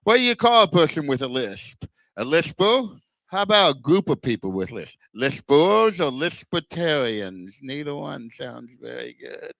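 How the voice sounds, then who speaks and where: An older male stand-up comic speaks in a fairly high, bright voice. His heavy lisp slurs words and whistles on wet S sounds, as if he had no front teeth. He sets up self-deprecating punchlines deliberately, and the sound is close and dry. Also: very animated, gravelly, no echo, poor audio. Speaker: stand-up comedian. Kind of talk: stand-up comedy routine.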